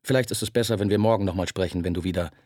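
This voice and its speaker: A man's voice: low voice, rapid-fire, darkish tone, no echo, clean studio sound, lightly acted. A man voicing a curt male police detective who fires terse, blunt questions in an audiobook dialogue. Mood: impatient.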